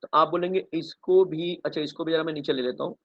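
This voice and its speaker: A man's voice: a little high, very fast, muffled recording. A man teaching a chemistry revision lecture online. He calls the students "kids", asks questions and answers them himself, and writes on a board as he explains a story mnemonic. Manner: writes on a board while talking.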